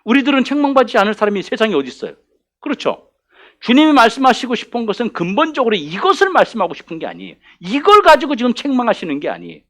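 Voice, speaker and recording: Brief: male pastor, high and lively voice, chatty Bible study sermon that keeps asking the room questions. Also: fast. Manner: conversational, asks the congregation questions. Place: church.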